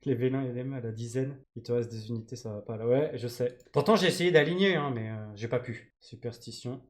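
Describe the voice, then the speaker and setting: A man's voice: mid-range voice, fairly quick. A man from France streaming a game live, chatting with his viewers in slangy, joking banter. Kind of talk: live-stream gaming commentary.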